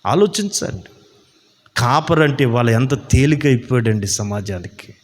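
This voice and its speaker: A male pastor preaching a sermon with many rhetorical questions, speeding up when he argues and slowing down to stress key words. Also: medium pitch. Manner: animated preaching, rhetorical questions, slows for emphasis. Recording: long hall reverb.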